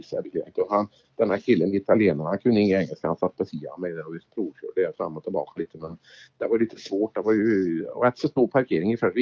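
Gravelly man telling rally stories. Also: low-pitched. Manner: animated anecdotes, acts out quoted exchanges. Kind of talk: casual storytelling. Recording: dull lo-fi recording.

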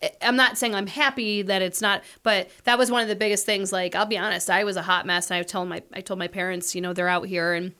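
A woman co-hosting a casual chat, talking in an animated, chatty way. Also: medium pitch, fast. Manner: chatty, animated, laughs often.

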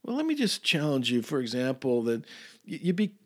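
A man preaching to his listeners, easing into his point through a homespun story. His voice sits in an ordinary middle range, and his delivery is loose and conversational, with soft chuckles and frequent self-corrections. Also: mid-range voice, huge pitch swings, a little fast. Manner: folksy, chuckling, frequent restarts. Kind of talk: storytelling sermon.

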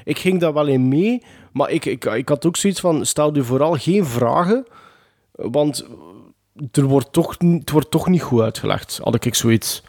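A man in a casual film podcast, hesitant, repeating words as he looks for the right ones. His voice sits somewhat high for a man. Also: expressive, unhurried, a little mellow. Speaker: podcast co-host.

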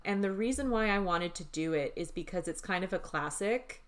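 A woman in her thirties with a fairly low voice co-hosts a casual podcast. She talks candidly and swears freely. She laughs easily as she chats. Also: expressive, moderate pace. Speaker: podcast co-host. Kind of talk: casual chat.

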